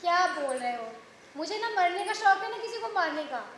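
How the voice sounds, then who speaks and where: Exasperated scolding wife, high bright voice, played by a woman; echoey room. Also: big pitch swings, moderate pace, exaggerated voice. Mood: indignant. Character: worried, scolding wife and mother. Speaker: wife Sudha. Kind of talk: short film drama acting. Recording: echoey room with faint noise.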